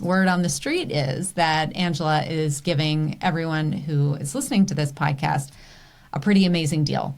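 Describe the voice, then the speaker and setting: Bubbly, low-voiced woman podcast host. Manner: bubbly, enthusiastic. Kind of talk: chatty podcast intro.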